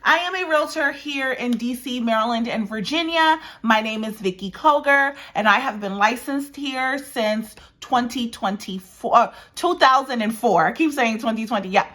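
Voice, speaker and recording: This realtor, a D.C. woman in her forties, chats about the market directly to camera from her dining room by a windy patio. Her voice is a little high and fairly bright, at normal speed with few pauses. Emphatic and repetitive, she keeps calling her viewers "guys."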